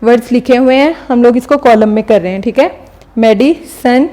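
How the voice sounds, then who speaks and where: A woman teaching a recorded lesson, her voice slightly high and mellow. She explains patiently and step by step, stopping often to check that the class is following. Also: fast talker. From Pakistan.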